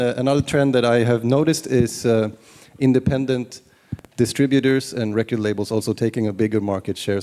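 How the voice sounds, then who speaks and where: A man from the audience poses a question to a panel. His tone is mellow and his phrasing hesitant. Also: medium pitch. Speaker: audience member asking a question.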